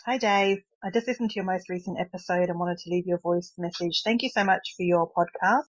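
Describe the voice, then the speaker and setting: A woman's voice: medium pitch, no echo. A woman from Australia with an Australian accent, leaving an earnest, grateful voice message for a podcast host, played back as a recording. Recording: dull lo-fi voice message.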